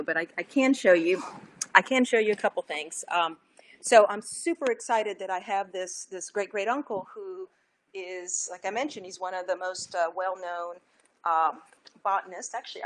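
On a laptop webcam video call from her home studio, a middle-aged Cuban painter chats in a casual interview. Her voice is lowish, and she is animated, thinking aloud with lots of fillers and restarts.

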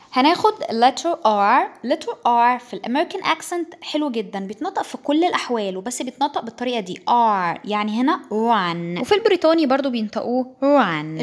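A young woman with an Egyptian Arabic accent giving a pronunciation lesson, explaining slowly and repeating example words aloud. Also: fairly high pitch. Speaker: English teacher.

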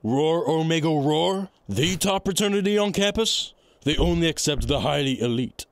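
A man voicing a big, boisterous, cocky young college monster in an animated film, brash and exclaiming. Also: a little high, normal speed. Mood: eager, brash. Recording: noisy film clip with clicks.

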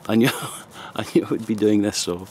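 Scottish man, 50s, shaving vlogger, joking casual chat outdoors in the woods, slightly low voice. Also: steady tone, brisk, mellow, slight background noise. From Scotland. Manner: chatty, joking asides, laughs often. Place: forest outdoors. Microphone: camera close up at arm's length.

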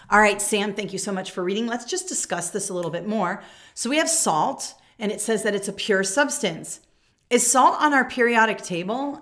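A medium-pitched, slightly bright voice belongs to this American woman in her forties, a teacher and teacher trainer. In a small furnished room she demonstrates a lesson, speaking emphatically and conversationally and often checking that the listener is following.

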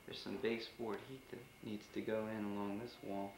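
A man's voice: on the low side, flat delivery, a little fast, vocal fry. A man in his thirties giving a chatty, proud running commentary as he films his home renovation on a camcorder. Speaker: father filming home video. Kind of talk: home video narration. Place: house under renovation, indoors. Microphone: camcorder mic. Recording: roomy camcorder tape with hiss.

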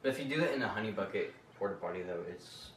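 A man's voice: on the low side, expressive, quick pace, a little hiss or hum, close to an everyday voice. A man playing a mopey young guy mourning a friend, bantering and joking indoors. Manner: joking, giggly, rambling banter. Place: indoor room. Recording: echoey room, camera far off.

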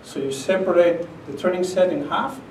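A middle-aged conference speaker from Argentina, with an Argentine Spanish accent, delivers an emphatic, conversational talk, regularly checking in with "okay?". His voice is high with a darkish tone, at a moderate pace. The recording is distant and echoey, made in a conference room with a projector screen, with a little hiss or hum.

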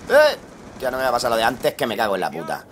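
A young man with a Spain Spanish accent and a slightly hoarse voice, giving excitable live commentary over his gameplay and swearing at teammates. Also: medium pitch, fast, a little hiss or hum. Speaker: gamer streaming live gameplay. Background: faint gunfire from the game.

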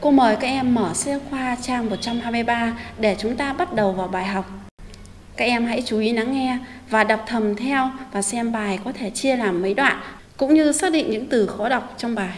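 A woman teacher leads a recorded reading lesson for young pupils. She speaks gently and patiently, addressing the children directly in a fairly high voice, with a long reverb trailing behind her. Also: moderate pace, a little hiss or hum. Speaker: primary school teacher.

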